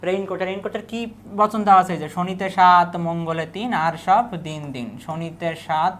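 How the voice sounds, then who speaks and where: A woman teacher works through an exam-prep lecture in a voice pitched a little low. She poses questions and answers them herself, repeating key words as she goes. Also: fairly quick, a bit bright, a little hiss or hum.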